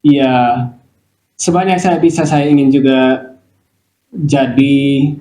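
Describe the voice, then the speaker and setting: A man's voice: medium pitch, dark tone. American man speaking Indonesian as a foreigner, echoey. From United States. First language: English. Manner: foreigner speaking Indonesian as a learned language, halting and searching for words. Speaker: guest, foreign learner of Indonesian. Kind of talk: casual conversational interview. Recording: echoey room.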